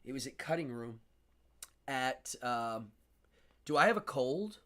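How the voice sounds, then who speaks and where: A man with a nasal, mid-range voice hosts a casual live-stream interview in New York City, speaking a little slowly. His storytelling is animated and punctuated by lots of laughter.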